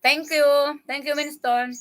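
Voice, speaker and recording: High-pitched with little pitch movement, her fairly bright voice moves a little slowly. The Filipino-accented host from the Philippines eats during a casual livestream, chatting and laughing often with viewers, recorded on a computer webcam mic.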